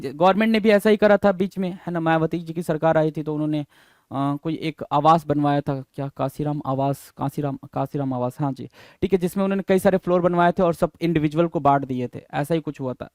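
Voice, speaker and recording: Male tutor, high smooth voice, dry close mic, chatty and repetitive. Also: a little mellow, no room sound. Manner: chatty, repeats each word and keeps asking the class questions. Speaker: exam vocabulary teacher. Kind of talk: Hindi-English classroom explanation.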